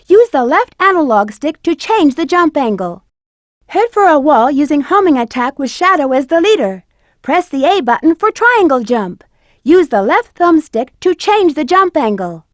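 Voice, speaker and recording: A confident, sly female bat treasure hunter from a video game. Her voice is high and swings widely in melody as she gives clearly articulated gameplay instructions. The sound is very dry. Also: no room sound. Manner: clearly enunciated, instructive delivery. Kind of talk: video game tutorial voice lines.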